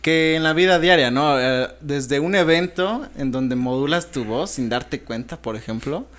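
A man co-hosting a casual chat in relaxed, slangy everyday speech. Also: a little high, unhurried. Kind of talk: casual conversation.

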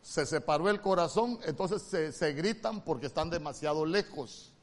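A male pastor with a Honduran accent preaching a sermon, moving from loud emphatic calls to soft, hushed lines. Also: fairly high pitch, animated, moderate pace. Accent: Honduran Spanish.

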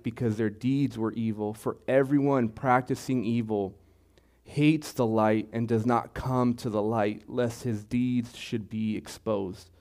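A man preaching a sermon, unhurried and deliberate, often repeating his phrases. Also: medium pitch, darkish tone. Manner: slow, deliberate preaching with repetitions. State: throat clearing, choked up. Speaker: pastor.

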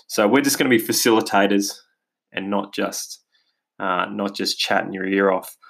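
A middle-aged Australian man hosts his own podcast, speaking in a casual, eager monologue full of fillers and restarts. His voice is lowish and fairly bright, with vocal fry, at a moderate pace. He records on a basic home podcast mic.

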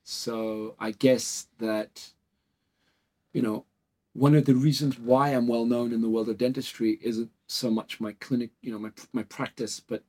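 A clinic founder in his forties, from South Africa and Portugal, rambles through stories with many fillers during a casual interview in his dental clinic office. He speaks a little slowly in a mid-range voice that is steady and a little mellow.

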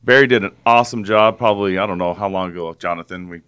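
Deep-voiced man with morning voice. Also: fast talker, clear, resonant tone. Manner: relaxed, chatty, bit groggy. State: early-morning voice. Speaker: podcast host. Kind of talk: casual chat.

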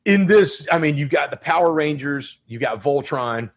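Husky, joking podcast host guy. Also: fairly high pitch, normal speed. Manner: animated and joking, does mock announcements. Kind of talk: casual podcast chat.

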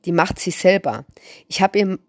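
A woman's voice: lowish voice, expressive, moderate pace, no echo, studio quality. Woman doing a quirky know-it-all girl. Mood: chatty. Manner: precocious and matter-of-fact.

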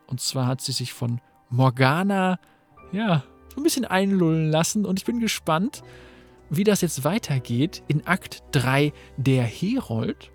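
A man's voice: on the high side, sing-song, unhurried, soft background music. A man reading a game story aloud, reacting with curious comments.

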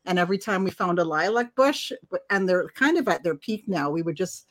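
A woman's voice: lowish voice, expressive, fairly quick. A woman co-hosting a podcast, chatting casually about her weekend and laughing easily. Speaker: podcast co-host. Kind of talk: casual chat.

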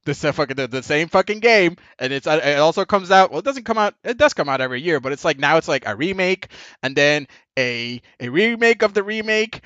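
A man joins a casual panel chat with a bright voice that swings up and down a lot. He curses often and laughs between points. His dull lo-fi mic sounds dry and close. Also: a little high, big pitch swings, fairly quick, no echo. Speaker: panel guest.

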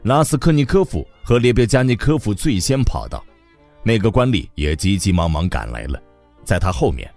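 A man narrating an audiobook in an expressive storytelling manner. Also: on the low side, moderate pace, vocal fry, soft background music.

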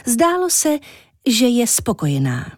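A woman narrating a children's story in an expressive, animated storybook reading. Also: on the high side, no echo, studio quality.

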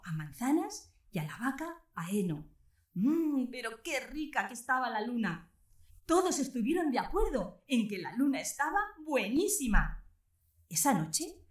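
A woman telling a children's story aloud in an expressive, animated way. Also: mid-range voice, reverberant.

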